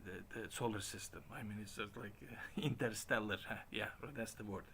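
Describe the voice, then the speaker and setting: Late 40s guy, lowish voice, rambles and stumbles over words, faint hiss behind. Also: fairly even intonation, creaky, sharp tone. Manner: halting, many restarts and chuckles. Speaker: stream host. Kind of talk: casual rambling monologue.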